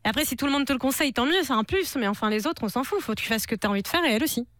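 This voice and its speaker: A woman with a high voice hosts a radio phone-in. She talks quickly and casually, encouraging her callers. The studio sound is dry and close. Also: animated, fairly bright tone, no echo. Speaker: radio host. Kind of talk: lively phone-in chat.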